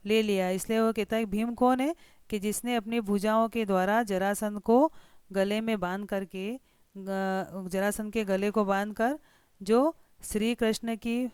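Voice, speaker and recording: Female teacher, patient word-by-word explainer, smooth dry close voice. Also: medium pitch, darkish tone, no echo. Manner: slow deliberate word-by-word explanation. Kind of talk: explaining a textbook lesson line by line.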